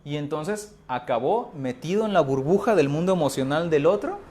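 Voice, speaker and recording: A man's voice: on the high side, expressive, normal speed, darkish tone. A man giving an informal talk on psychology, speaking emphatically and constantly checking in with rhetorical questions. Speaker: speaker on emotional health.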